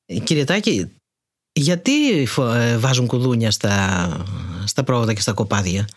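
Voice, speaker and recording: A man's voice: mid-range voice, big pitch swings. A man interviewing a herder, asking short, curious follow-up questions.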